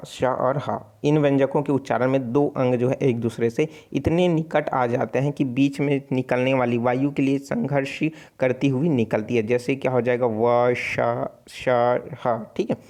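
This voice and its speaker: Hindi tutor with Chhattisgarhi accent. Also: male voice, medium pitch, fairly even intonation, a little slow, hardly any pauses, darkish tone. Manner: explanatory, repeats sounds aloud, frequent self-corrections. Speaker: online exam tutor. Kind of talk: casual spoken lesson.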